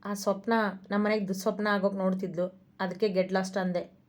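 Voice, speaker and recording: A woman's voice: medium pitch, flat delivery, normal speed, natural voice. A woman voicing a proud, blunt young man who is a devoted son, speaking firmly. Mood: dismissive.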